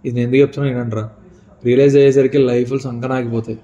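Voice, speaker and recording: A man's voice: mid-range voice, flat delivery, racing, dark tone. A young man being interviewed, speaking earnestly and from the heart about love and his life. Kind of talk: emotional interview. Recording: dull lo-fi sound.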